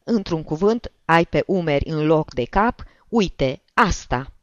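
A woman's voice: low voice, expressive, no room sound. A woman voicing an exhausted male bank clerk who speaks in a curt, fed-up way, on a dull lo-fi recording. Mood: angry.

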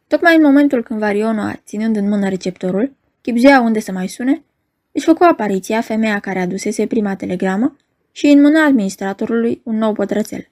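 A woman narrating a novel in a measured storytelling manner. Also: fairly high pitch, animated, darkish tone. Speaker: audiobook narrator. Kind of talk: novel reading.

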